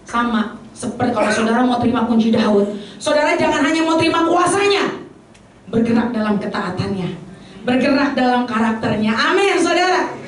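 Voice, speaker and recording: A woman preacher giving a lively sermon to a congregation, slipping into English phrases and short bursts of song. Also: fairly high pitch, normal speed, slight background noise. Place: church hall. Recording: very echoey hall from a distance.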